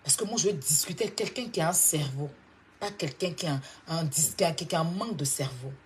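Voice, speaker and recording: A woman from Côte d'Ivoire with an Ivorian French accent, delivering a confrontational, mocking monologue that swings from loud outbursts to low scolding. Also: fairly quick, slight background noise. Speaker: online commentator. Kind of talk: heated clash monologue.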